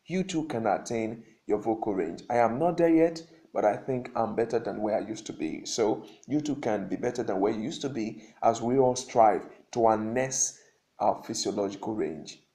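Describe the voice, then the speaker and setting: A man's voice: lowish voice, moderate pace, warm tone. A man coaching singers through breathing exercises while seated, giving instructions with frequent check-ins like "okay?". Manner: instructive, repeats points, asks "okay?". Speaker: vocal coach. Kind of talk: spoken singing lesson.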